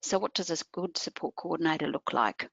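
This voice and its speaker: A woman's voice: deep voice, a little fast, vocal fry, breathy edge, no room sound. A woman presenting an informational webinar, explaining things step by step and speaking directly to her listeners. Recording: muffled online webinar audio.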